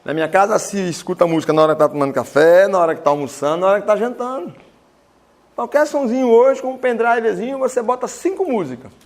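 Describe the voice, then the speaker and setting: Animated man lecturing. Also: high voice, fast talker. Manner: animated storytelling with voiced quotes. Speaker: writer giving a talk. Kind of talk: lecture to students.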